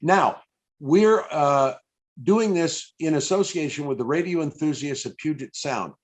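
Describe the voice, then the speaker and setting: Over a video call, a man with a higher-pitched voice and slightly slow delivery hosts a live interview for an old-time radio fan event. He is effusive, frequently repeating and restarting his phrases.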